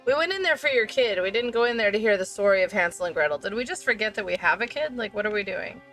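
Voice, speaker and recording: A woman's voice: medium pitch, expressive, fast talker, a bit bright, soft background music. A woman giving casual, exasperated and sarcastic commentary while she plays through a game. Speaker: gaming video host.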